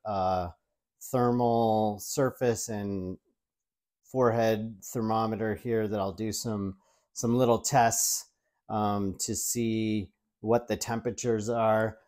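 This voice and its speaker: Speaking slowly in a fairly low, darkish voice with fairly even intonation, a man in his forties demos a product from his home kitchen by an open window. He's a tech reviewer on a lapel mic, chatty as he handles the gadget, often saying um and restarting.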